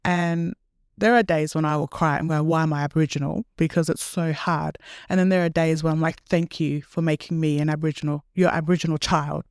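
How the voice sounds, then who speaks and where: A woman's voice: lowish voice, clear, resonant tone, dry recording, clean studio sound. A young woman, a nurse, answering interview questions in a chatty, earnest way and laughing at herself now and then. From Australia. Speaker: nurse and podcast guest.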